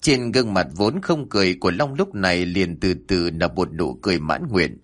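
Low-voiced man narrating a ghost story. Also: lively intonation, normal speed. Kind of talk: scripted horror story narration.

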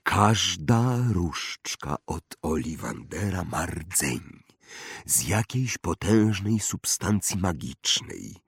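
A man reading aloud voices an old male wandmaker who talks in a slow, hushed, drawn-out way and stares through people. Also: low voice, animated, gravelly, husky, no room sound, clean studio sound, heavily acted. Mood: fussy. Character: old male wandmaker, eerie, soft-spoken, piercing.

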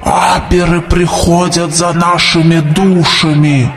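A man as a creaky, dusty-voiced old prophet. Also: on the high side, little pitch movement, takes it slowly, recorded from a distance, heavily acted. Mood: prophetic. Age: older. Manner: solemn preaching to a crowd, rising to shouts. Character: ancient grey-haired male prophet, fervent and doom-laden. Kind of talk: audiobook character voice. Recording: voice over music.

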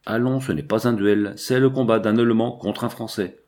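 A man voicing a bitter, defiant young Prussian in an audiobook, forceful and accusing. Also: on the low side, fairly even intonation, moderate pace, close to an everyday voice.

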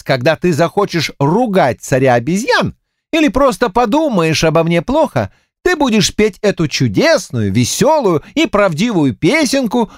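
A man voicing a boastful, self-satisfied Monkey King who talks slowly and grandly in an audiobook. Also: high voice, no room sound, clean studio sound, voice pushed up. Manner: pompous, slow and self-satisfied. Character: smug, boastful Monkey King, male, ageless.

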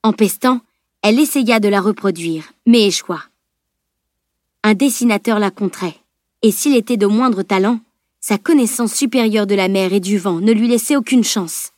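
A woman narrating a fantasy novel as an audiobook in a steady, clear reading voice. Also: mid-range voice, moderate pace, dry recording, clean studio sound. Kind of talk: scripted narration.

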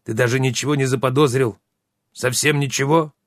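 A man's voice: mid-range voice, fairly even intonation, brisk, no room sound, clean studio sound, pitched above the performer's own voice, lightly acted. A man voicing a touchy, grumpy old wizard who scolds his apprentice in theatrical outbursts. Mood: indignant.

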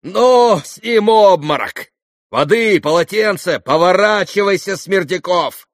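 A man doing an angry sharp young man. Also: high-pitched, animated, measured pace, no echo, studio quality, pitched above the performer's own voice. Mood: commanding. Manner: angry shouting.

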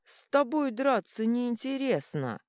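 A woman's voice: sing-song, a little slow, no room sound, clean studio sound. A woman voicing a huge three-headed male serpent monster that blusters and then whines, in an audiobook. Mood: whiny. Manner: booming menace turning to pleading.

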